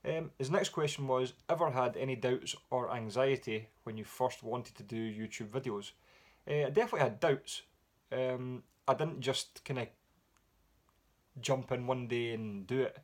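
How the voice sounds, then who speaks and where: A Scottish music vlogger answers viewer questions in a casual Q&A, his mid-range voice relaxed and rambling. He pauses often and fills the gaps with plenty of ums.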